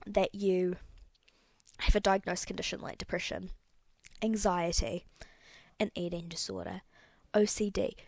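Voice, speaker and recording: With no echo on the audio, a young adult woman with a mid-range voice talks alone on her podcast. It's frank, casual, slightly rambling, with self-corrections mid-thought.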